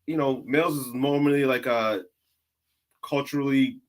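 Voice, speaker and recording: A man's voice: mid-range voice, fairly even intonation, moderate pace. A man telling a personal story in a laid-back, casual way, full of "like". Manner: laid-back, uses lots of "like".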